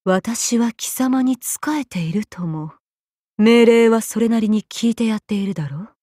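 Slow, haughty gorgon woman. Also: fairly high pitch, dark tone, dry recording, clean studio sound. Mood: aloof. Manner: imperious, cold, contemptuous, deliberate archaic phrasing. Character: haughty, vengeful female gorgon monster, menacing and disdainful. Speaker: voice actor. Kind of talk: scripted anime game character lines.

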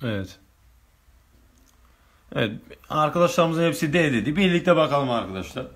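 A man's voice: a little high, expressive, moderate pace, fairly bright tone. A male teacher running an online grammar lesson, reading exam questions aloud and working through each answer step by step with his students.

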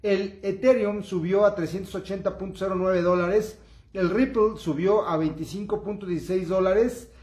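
A man's voice: sits high, normal speed, darkish tone, echoey room. A man giving upbeat, coaxing finance commentary, hesitating often with filler sounds. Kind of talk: informal money commentary to camera.

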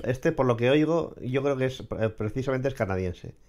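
Man, mid-pitched voice, sarcastic and blunt, vlog commentary. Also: animated, normal speed, darkish tone. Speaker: vlogger commenting on clips and AI tools. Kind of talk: casual commentary.

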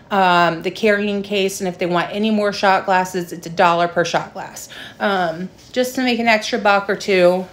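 A young adult woman talking informally and explaining a craft step by step in a casual livestream tutorial. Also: mid-range voice. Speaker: livestream host, craft seller. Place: small room indoors at home. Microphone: phone propped at arm's length.

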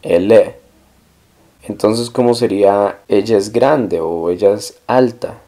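A man teaching a language lesson, explaining pronunciation step by step and repeating each example slowly. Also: fairly low pitch, warm tone. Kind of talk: slow, careful language lesson.

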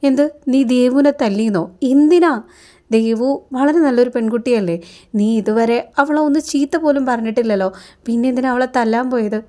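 A caring young husband from a TV serial speaks in a patient, soothing way, as a woman puts him on. The voice stays mellow and a little high. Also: fairly quick, close to an everyday voice. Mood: reassuring.

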